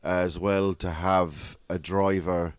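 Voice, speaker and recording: A man's voice: low-pitched, steady tone, slow pace, smooth, dry recording, clean studio sound. A man co-hosting a casual motorsport podcast, thinking aloud and often repeating his words. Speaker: podcast co-host.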